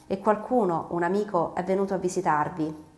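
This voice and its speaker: A woman voicing a kindly, formal older male magistrate who speaks gravely. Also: lowish voice, a little fast, natural voice. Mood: gentle. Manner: gentle, formal, turns stern. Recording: roomy recording, faint music.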